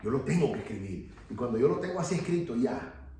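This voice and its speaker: A man with a mid-range, mellow voice teaches a church Bible class, very animated and quick, preaching earnestly while repeating key phrases and checking in with "ok." He sounds distant in an echoey room, with slight background noise.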